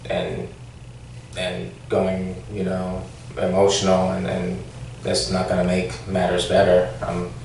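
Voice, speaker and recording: A man's voice: sits low, monotone, slow, gravelly, darkish tone. A man, a former police officer, answering questions at a formal hearing, hesitant, with many fillers and restarts. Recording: echoey room, distant mic, faint noise.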